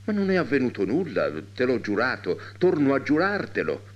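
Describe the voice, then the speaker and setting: A man's voice: mid-range voice, sing-song, normal speed, dull audio, voice pushed up, natural voice. A man doing a weary, dejected grown son. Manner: soothing, dejected. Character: worn-out troubled adult son.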